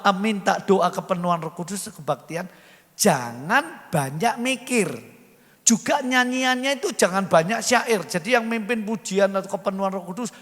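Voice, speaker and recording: An older man preaching a sermon as pastor, swinging between loud and soft and acting out voices in his stories. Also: high voice. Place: large church hall. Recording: echoey church hall.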